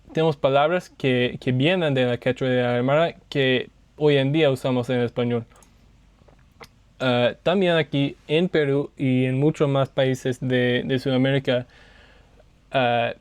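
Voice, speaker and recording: Hesitant man presenting slides, smooth voice. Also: medium pitch, a little mellow, dry recording. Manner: hesitant, many fillers and self-corrections. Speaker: student presenter.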